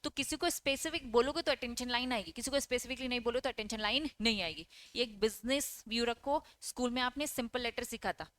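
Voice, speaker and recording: Speaking fairly quickly with hardly any pauses, a woman with a slightly high, fairly bright voice delivers an online exam-prep lecture on a dry recording. She reads and explains English lines from the text, fires questions at her students and answers them herself, and regularly asks "okay?".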